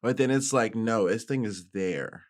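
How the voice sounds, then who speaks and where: A man's voice: on the low side, a little slow. A man in his thirties, a magician guest on a podcast, telling stories in casual chat and laughing often. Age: 30s. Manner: animated storyteller, laughs often.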